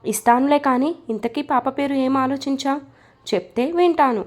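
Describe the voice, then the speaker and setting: Woman voicing a nagging, fond old granny for a storybook, high voice. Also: normal speed, lightly acted. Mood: teasing. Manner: nagging, teasing. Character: teasing old grandmother, nosy and fond.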